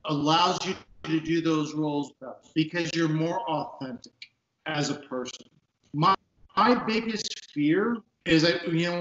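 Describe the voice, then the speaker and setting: A Texas police sergeant in his fifties appears as an interview guest on a video call from his office desk, speaking earnestly and emphatically in a big booming voice with a fairly bright tone. He repeats words to stress his points, and the call audio sounds echoey and dull.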